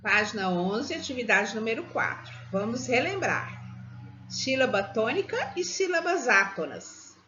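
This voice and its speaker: A woman teaching young children in a recorded remote lesson, patient and slow as she walks through each example. Her voice is bright and sits a little high. The recording is dull and lo-fi, with faint hiss and room ambience behind her. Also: very animated. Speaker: primary school teacher.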